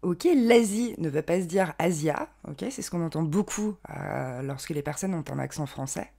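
A young woman giving an online pronunciation lesson, carefully modelling each word slowly and clearly. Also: low voice, dark tone. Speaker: English pronunciation teacher.

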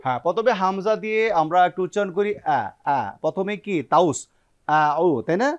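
A man's voice: high voice, brisk, muffled recording. A man with a Bangladeshi Bengali accent, hosting a Quran recitation lesson in a television studio and leading students through repeated pronunciation drills. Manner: leads students in call-and-response drills. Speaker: Quran recitation teacher and host. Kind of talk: TV classroom lesson.

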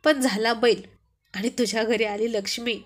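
A woman voicing a young married man who teases his close friend in gruff banter, in a spoken story. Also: fairly high pitch, steady tone, moderate pace, close to an everyday voice. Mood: earnest.

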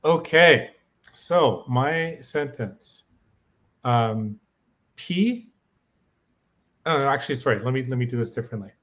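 A man's voice: mid-range voice, lively intonation, a little slow, long pauses, a bit bright. A man in a casual language lesson, taking the learner's part. He tries out new sentences with some hesitation and keeps checking with his teacher through questions.

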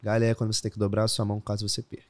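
A man's voice: fairly low pitch, completely flat delivery, very fast. A young man in his twenties with a Brazilian Portuguese accent, a guest telling stories in a casual podcast interview and laughing often. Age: 20s. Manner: storytelling, laughs often, says "velho". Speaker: guest trader.

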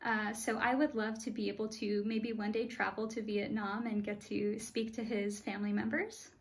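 A young American woman, interviewed at home in a small room, answers questions in a friendly and thoughtful manner. Her voice is mid-range and level, her pace moderate, and she uses "uh" often.

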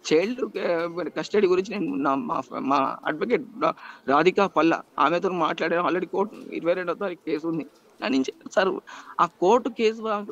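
A man's voice: sits high, a bit bright, highs cut off. A man, pleading emotionally in a news interview and repeatedly appealing to the interviewer. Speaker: interviewee, estranged husband.

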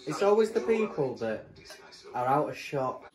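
Lively woman reacting to TV. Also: low voice, normal speed, reverberant, a crowd in the background. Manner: chatty, shouts excitedly at the screen. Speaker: reaction video co-host. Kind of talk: casual TV reaction chat.

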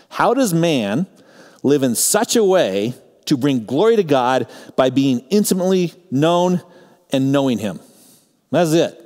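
A middle-aged man pastor giving a conversational teaching sermon, moving between emphatic points and quiet asides. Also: medium pitch. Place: church sanctuary. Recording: long church reverb.

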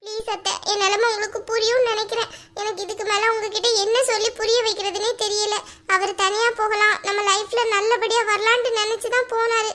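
A pleading young wife in a cartoon family drama, voiced by a woman. The voice sits very high and bright, and the lines come out emotional and imploring. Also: flat delivery, fairly quick. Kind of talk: animated family drama dialogue.

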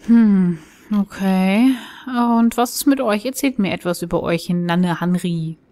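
A woman's voice: medium pitch, unhurried, dark tone. A woman giving chatty, enthusiastic commentary while playing a video game and thinking aloud. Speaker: let's play host. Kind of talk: casual gameplay commentary.

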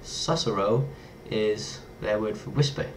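In a small bedroom, a young adult from England talks to his webcam in a casual, playful vlog, his English accent clear. His pitch is fairly low and his pace measured, with slight background noise. He's lively and likes to toy with foreign words.

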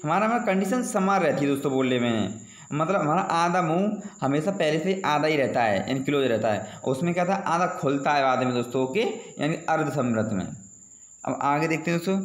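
A man teaching exam preparation in a slightly raised voice. He asks his own questions and answers them at once, often addressing his listeners as friends, and drags out sounds to demonstrate them. The recording has a noticeable room echo. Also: a little high. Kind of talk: exam prep lesson explaining Hindi vowels.

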